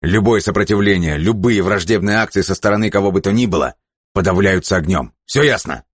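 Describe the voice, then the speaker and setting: A man reading an audiobook voices a furious, ruthless male leader who barks orders in a raised, sharp voice. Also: a bass voice, fairly quick, breathy edge, no room sound, studio quality.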